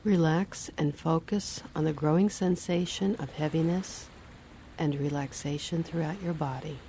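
A woman reading a guided relaxation and hypnosis script in a slow, soothing, measured way. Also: low-pitched, steady tone, dark tone, a little hiss or hum.

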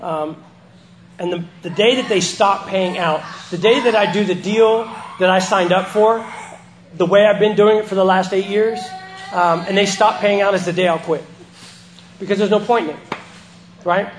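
Casting: man, high-pitched, missing front teeth, plain-spoken and halting recovery testimony, noisy recording. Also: fairly even intonation. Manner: halting, plain-spoken, self-deprecating, sweary. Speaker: recovery meeting speaker. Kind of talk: informal personal testimony to a recovery group.

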